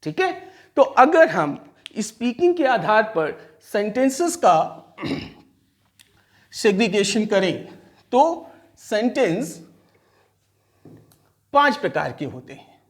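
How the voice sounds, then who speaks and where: A male teacher gives a classroom-style grammar lesson. His pitch rises and falls animatedly, and he slows down to stretch out key terms. He keeps putting questions to the class and then answering them himself. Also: sing-song. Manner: explains step by step, poses and answers his own questions. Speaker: English teacher.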